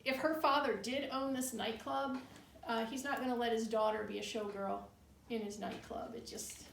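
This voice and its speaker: With a steady, fairly high voice edged by vocal fry, a woman tour guide speaks at normal speed, casually recounting local legends with skeptical, matter-of-fact detachment. The setting is an indoor room in an old bar building, and the distant mic yields roomy echo plus faint noise.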